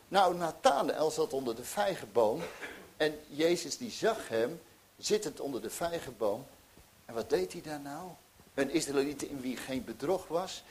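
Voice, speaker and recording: A middle-aged man preaching a sermon, animated, with restarts and emphatic peaks. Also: mid-range voice, a little hiss or hum.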